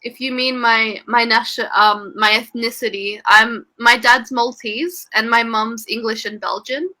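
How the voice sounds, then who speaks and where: A woman's voice: fairly high pitch, fairly even intonation, a little slow, pushed and bright. A young Australian woman, an English tutor, chatting casually on a video call with lots of fillers and laughter. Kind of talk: casual online lesson chat.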